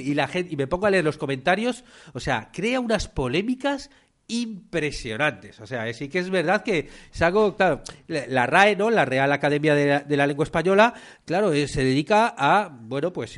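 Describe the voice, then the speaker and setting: Male podcast host, casual solo talk, rambling, lots of fillers. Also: mid-range voice. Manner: rambling, repeats words and fills with eh and ¿no?.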